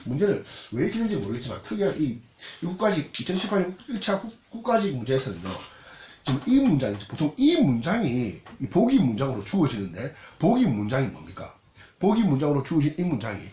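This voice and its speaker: A man's voice: mid-range voice, darkish tone. A man with a Gyeongsang Korean accent giving a recorded exam lecture, checking in constantly with rhetorical questions. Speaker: English exam tutor. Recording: roomy echo, faint noise, clicks.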